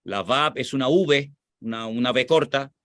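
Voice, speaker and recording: A Spanish pastor talking through a question in a patient teaching voice of middle pitch. He repeats key phrases for emphasis. The sound is dry and close, with no room echo. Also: moderate pace, fairly bright tone. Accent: Spanish (Spain). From Spain. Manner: explanatory, repeats points for emphasis. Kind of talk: sermon-like teaching, answering questions.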